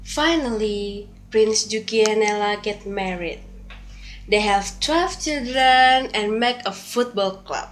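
A woman's voice: mid-range voice, takes it slowly. A young woman narrating an amateur school drama in a careful, read-aloud way. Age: young adult.

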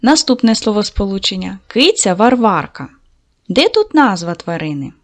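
A woman teaching a video lesson to second graders, with an encouraging manner that speaks slowly to young children. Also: mid-range voice, big pitch swings. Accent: Ukrainian. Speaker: primary school teacher.

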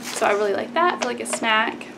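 Expressive and on the high side, this Texan woman in her twenties speaks fairly quickly with an American accent. She's a vlogger doing an informal grocery haul chat to camera, dropping "like" and "y'all" often. The small, plain indoor room adds clear background noise.

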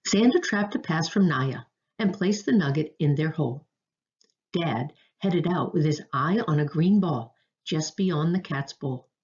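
Woman reading a kids picture book out loud, low voice but really bouncy, kinda muffled lo-fi audio. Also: measured pace. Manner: expressive read-aloud storytelling. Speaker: narrator. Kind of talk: children's storybook reading.

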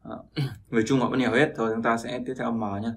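Male language teacher, mid pitch, repeats himself, keeps checking in with listeners. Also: steady tone, quick pace. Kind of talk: explaining pronunciation lesson.

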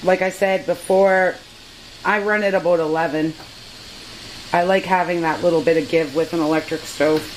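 A woman with a lowish voice talks at a moderate pace with fairly even intonation, casually explaining each step to her viewers, whom she calls "guys." She's filming a how-to vlog in her home kitchen by an electric glass-top stove, where a pressure canner fills the noisy background with hissing steam.

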